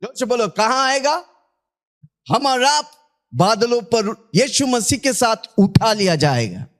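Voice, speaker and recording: Male pastor, high voice, call-and-response sermon delivery. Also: very animated, measured pace. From India. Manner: call-and-response preaching, urging listeners to shout back; repeats scripture after the reader.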